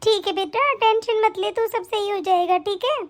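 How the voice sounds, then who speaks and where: A woman voices a caring middle-aged mother in an animated family story. Her tone is soothing and reassuring, set in a very high, almost childlike register. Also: moderate pace.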